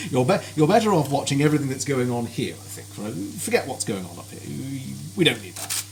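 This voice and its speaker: With lively intonation and a medium pitch, a man cooks on a live stream in his home kitchen, chatting cheerfully and politely at a moderate pace and greeting viewers by name. Sizzling frying and kitchen noise are audible.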